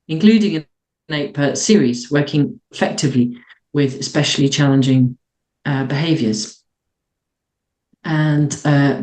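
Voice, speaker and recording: A webinar host introducing a guest speaker over a video call, reassuring and unhurried with a few fillers. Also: medium pitch, a little mellow, low-quality recording.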